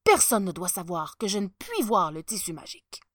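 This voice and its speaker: A woman's voice: medium pitch, wildly swooping pitch, normal speed, fairly bright tone, no room sound, clean studio sound. A woman voicing a vain, anxious male emperor who frets and stammers in a storybook reading. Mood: panicked. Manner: fretful, stammering bluster.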